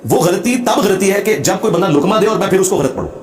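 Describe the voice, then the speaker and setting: Male religious lecturer, combative and emphatic, fast delivery, roomy echo. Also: high voice, expressive. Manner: emphatic and combative, demonstrates Arabic recitation. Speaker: religious speaker. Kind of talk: lecture answering a question.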